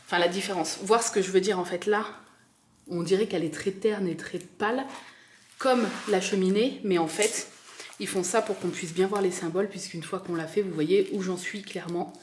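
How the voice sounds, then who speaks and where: A woman's voice: mid-range voice, normal speed, darkish tone, a little hiss or hum. A French woman with a French accent, chatting casually and enthusiastically as she unboxes a craft kit, full of fillers and repeated words. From France. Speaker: crafting vlogger.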